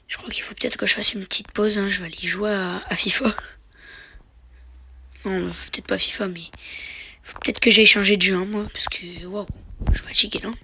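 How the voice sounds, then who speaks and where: Voicing his mobile gameplay, a young YouTuber with a slight cold and sore throat goes from slangy, excited cheering to soft under-the-breath muttering. His high voice is brisk and creaky, he pauses often, and there's slight background noise.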